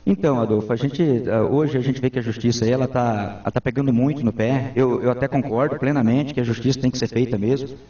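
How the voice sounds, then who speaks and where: A man's voice: mid-range voice, fast, mellow. A man in his forties, a town councilman, giving earnest, formal answers in a local TV interview. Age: 40s. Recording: roomy, distant, dull lo-fi sound.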